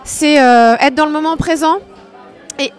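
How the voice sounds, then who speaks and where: A dancer from France answering interview questions in a loose, chatty way. She hesitates often and fills pauses as she thinks. Her voice sits on the higher side for a woman. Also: soft background music. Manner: hesitant, many fillers. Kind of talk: casual interview chat.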